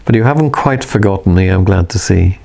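A man reading the part of a calm, mysterious young man who speaks gently and solemnly. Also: low voice, a little fast, vocal fry. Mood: serene.

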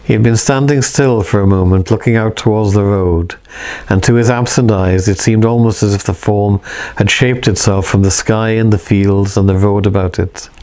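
A man reading a novel aloud in a quiet, measured, reflective way. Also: lowish voice, steady tone.

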